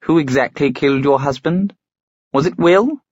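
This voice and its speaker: Weary inquisitor guy as a man plays him, dripping sarcasm, a bit higher. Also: expressive, moderate pace, dry recording, dull audio. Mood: sarcastic. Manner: sarcastic, cutting. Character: weary middle-aged male inquisitor, sarcastic.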